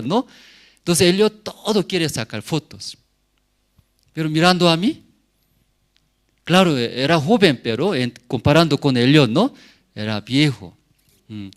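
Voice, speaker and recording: A man in his forties, a pastor, giving a sermon testimony in halting speech with frequent asides to the congregation. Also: a little high. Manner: slow, halting non-native Spanish with many asides to the congregation.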